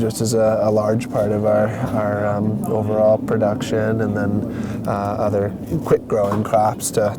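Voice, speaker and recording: Low, flat-voiced farmer. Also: male voice. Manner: halting, many fillers and restarts. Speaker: vegetable farmer. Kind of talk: outdoor interview. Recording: noisy outdoor sound.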